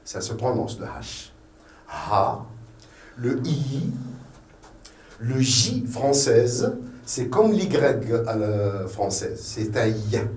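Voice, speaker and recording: A man's voice: mid-range voice, very animated, very slow, pauses often, a little mellow, echoey room, far from the mic, a little hiss or hum. A man with a Tunisian French accent teaching a beginner language lesson, patiently repeating each letter and sound.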